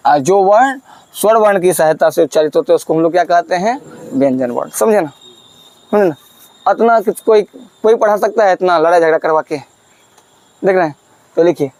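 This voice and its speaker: A man's voice: high-pitched, darkish tone. A male teacher gives a classroom lesson. He asks questions and answers them himself, repeating key words.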